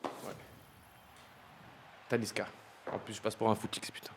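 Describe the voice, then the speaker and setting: A young man streaming a game live, slangy and joking, swinging from low mumbling to excited shouting. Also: a little slow, a little hiss or hum. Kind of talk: live gaming stream chatter.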